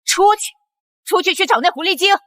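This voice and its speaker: A woman's voice: fairly high pitch, animated, fairly quick, dry recording, studio quality. A fierce, bossy mother-in-law. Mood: furious. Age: middle-aged. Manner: bossy, scolding. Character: fierce, protective wealthy middle-aged mother-in-law. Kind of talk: TV drama acting.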